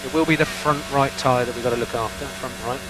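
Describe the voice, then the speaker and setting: A man's voice: mid-range voice, steady tone, fast talker, noisy background. A man working as a race engineer, giving concise, repeated instructions over race car team radio. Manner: concise, repeats key calls.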